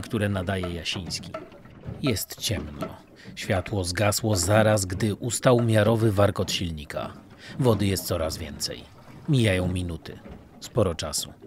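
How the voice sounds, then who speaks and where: A man narrating a true maritime story in a measured, grave manner. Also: on the low side, noisy background. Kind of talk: documentary narration.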